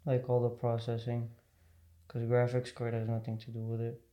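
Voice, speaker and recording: A man's voice: mid-range voice, monotone, normal speed, muffled recording. A man chatting casually as a podcast co-host. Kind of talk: casual chat.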